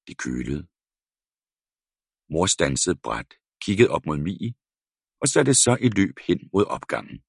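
A man reading a children's novel aloud as an audiobook narrator, in a calm, measured storytelling way. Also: low voice, gravelly, breathy edge, dry recording. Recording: dry close studio sound.

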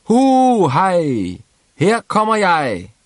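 Klods Hans, a high, jubilant simpleton, as a man puts him on. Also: big pitch swings, dry recording, clean studio sound. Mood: exuberant. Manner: exuberant, shouting merrily. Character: cheerful simple-minded young peasant man.

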